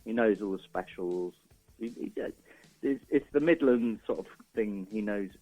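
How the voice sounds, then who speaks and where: This radio interview guest, a musician, has a fairly low, darkish voice and speaks at a measured pace. He chats informally, hesitating and wandering, on a somewhat dull, lo-fi recording.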